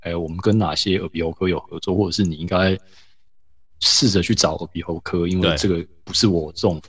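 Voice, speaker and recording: A man from Taiwan telling a story in a relaxed, casual podcast chat, with many fillers. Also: sits low, fairly quick, husky, no room sound. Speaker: podcast co-host.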